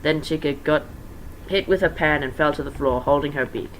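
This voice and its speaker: A medium-pitched, slightly bright voice at normal speed belongs to an amateur fan fiction reader. The dramatic reading is casual, informal and stumbling, with asides where the reader corrects themselves. It's a noisy amateur recording made at home.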